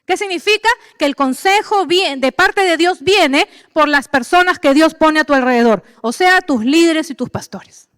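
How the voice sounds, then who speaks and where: A woman's voice: high voice, moderate pace, hardly any pauses, a bit bright, dry recording, studio quality, big-room sound. A middle-aged woman pastor, preaching animatedly and acting out the voices of believers and of God. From Peru. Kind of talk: sermon.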